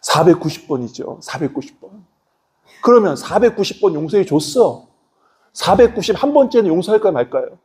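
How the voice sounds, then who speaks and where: Male pastor preaching, high pitched, dark mellow tone, keeps asking the crowd questions. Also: very animated, a little fast, slight background noise. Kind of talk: sermon.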